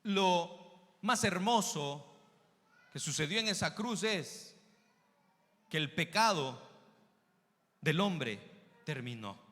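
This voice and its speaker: A male pastor preaching a sermon, swinging between loud calls and soft low asides, speaking straight to the congregation as brother and church. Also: animated, slow, pauses often. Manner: addresses listeners directly as brother and church. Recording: long hall reverb.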